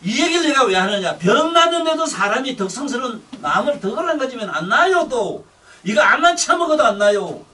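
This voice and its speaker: A man's voice: very high-pitched, very animated, fairly quick, bright, forceful tone, recorded from a distance. An older man with a Busan accent, giving a rambling dharma sermon in a blunt, scolding, coarse-spoken way. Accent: Gyeongsang (Busan). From Busan, South Korea. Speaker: Buddhist dharma teacher.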